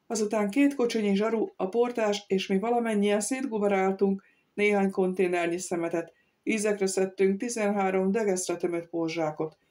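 A woman reads a novel aloud as an audiobook, voicing every character herself. She lifts her voice for the shrill outbursts. Her pitch sits in the middle range for a woman. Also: warm tone. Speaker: audiobook narrator.

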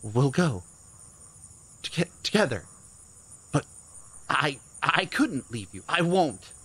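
A man's voice: on the high side, sing-song, takes it slowly, a bit bright, slightly rough, exaggerated voice. A man voicing a stammering, apologetic, loyal companion in an audio drama. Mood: earnest.

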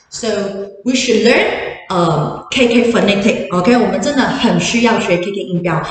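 Lively woman teacher in an echoey classroom. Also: a little high, a little hiss or hum. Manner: switches between Mandarin and English, quizzes the audience. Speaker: English teacher. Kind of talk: info session talk to parents and children. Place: classroom with an audience. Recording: echoey room, distant mic.

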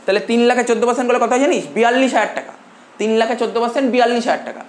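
A male commerce tutor from India giving a classroom lecture, dictating notes slowly with repeated phrases and quizzing his students as he goes. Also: very high voice. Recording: roomy classroom echo, faint hum.

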